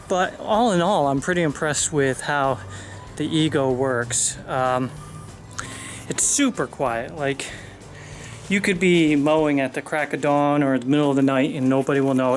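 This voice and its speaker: A man giving a casual, rambling mower review outdoors, out of breath and talking with many fillers. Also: on the high side. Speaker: lawn care video host. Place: outdoors on a lawn.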